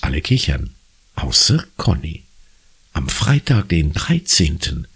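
Deep, husky male audiobook narrator. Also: slow pace. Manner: expressive storytelling. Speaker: audiobook reader.

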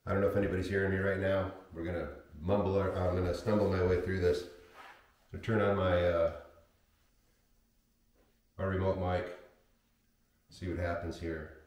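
A very low-pitched man speaks through a thick, booming echo that rings around his home darkroom. He rambles and apologizes with lots of ums and uhs, picked up on the camera's built-in mic instead of a wireless mic. It sounds like a casual livestream. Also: little pitch movement, normal speed, pauses often, a little mellow. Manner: rambling and apologetic, many fillers. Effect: heavy booming room echo. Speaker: photographic printmaker livestreaming. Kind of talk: casual live stream chat. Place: home darkroom workspace with sink. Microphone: camera's built-in mic, wireless mic failed.

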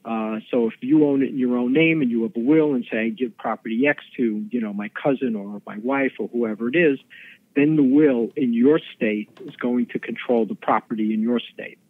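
A man, an attorney guest on a podcast, explaining legal matters quickly with many fillers and restarts. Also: mid-range voice, no room sound. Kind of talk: podcast interview explaining law. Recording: tinny phone-like line.

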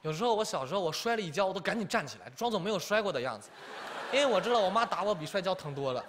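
A man's voice: sits high, rapid-fire, a little hiss or hum. A young man doing a stand-up comedy routine, telling stories and often asking the audience to agree. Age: young adult. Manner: lively storytelling, acts out characters, keeps asking the crowd to agree. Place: TV studio stage.

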